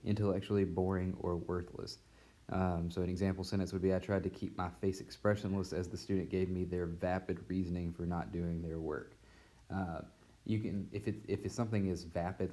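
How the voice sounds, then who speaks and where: A man who teaches physics, giving a casual recorded mini-lesson in a relaxed, rambling way with many fillers. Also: deep voice. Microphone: tablet mic.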